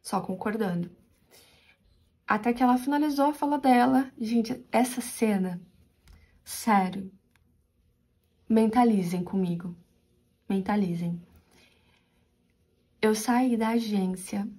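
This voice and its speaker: A young Brazilian woman with a São Paulo interior accent, telling viewers a personal story in a confiding, animated way while she crochets for her channel. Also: medium pitch, slow, long pauses, slightly rough. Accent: São Paulo interior Brazilian Portuguese.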